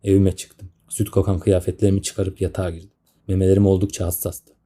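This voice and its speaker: Brief: 30s male comic narrator, sardonic grumbler, dark low voice, fast. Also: flat delivery. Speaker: storyteller.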